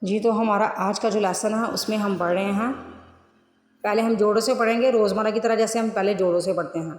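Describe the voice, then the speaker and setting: A man teaching Quran recitation, patiently drilling single letters and short words, repeating each one slowly for his students. The voice rings out in a roomy space, and a long reverb tail trails after every syllable. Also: high-pitched, fairly even intonation. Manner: patient, instructive tone addressing students directly. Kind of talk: online tajweed lesson.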